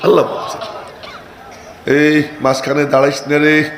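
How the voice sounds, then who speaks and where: Brief: male Islamic preacher, high voice, loud-to-soft sermon delivery, roomy live recording. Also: completely flat delivery. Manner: swings from loud declaiming to quiet chatty asides to the crowd; chants Arabic verses slowly. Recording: echoey live sermon recording with faint noise.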